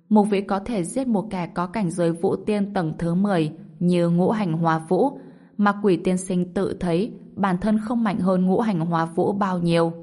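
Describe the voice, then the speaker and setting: A woman reading a fantasy novel aloud as audiobook narrator in an even storytelling delivery. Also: on the low side. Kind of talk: scripted narration.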